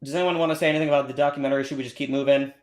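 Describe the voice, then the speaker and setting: A man's voice: medium pitch, fairly even intonation, rapid-fire, natural voice. A man playing a scatterbrained, over-eager host of an awards-predictions livestream, who rambles and gushes with lots of ums and restarts.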